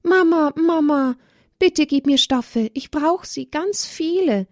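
A woman voicing an eager little village girl in a children's story, high and pleading. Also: slow, darkish tone, no room sound, studio quality.

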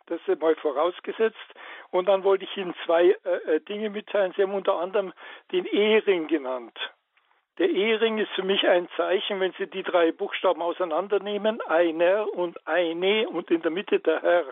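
A man's voice: sits high, moderate pace, dry recording. A man calling in to a radio show, earnest and hesitant, with many fillers. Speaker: caller. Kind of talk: phone-in call. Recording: tinny dry phone line.

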